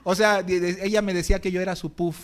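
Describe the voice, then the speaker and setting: A man's voice: sits high, level tone, quick pace. A middle-aged man preaching as pastor in a church, telling funny stories about himself and acting out his own groans. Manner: humorous, acts out his own groans and complaints. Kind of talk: sermon. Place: church hall.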